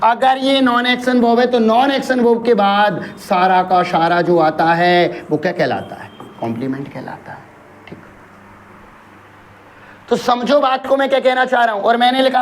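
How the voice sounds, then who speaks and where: Man quizzing his class and answering himself. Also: very high-pitched. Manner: asks questions and answers them himself, calls listeners brother; dictates example sentences slowly word by word. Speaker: English grammar tutor. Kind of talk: classroom lesson with rhetorical questions.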